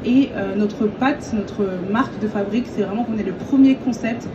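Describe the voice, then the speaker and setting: A young woman, a restaurant co-founder, answering interview questions in an earnest, lively way with frequent fillers. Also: fairly high pitch, moderate pace. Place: event stage. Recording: distant mic, dull sound, noisy event.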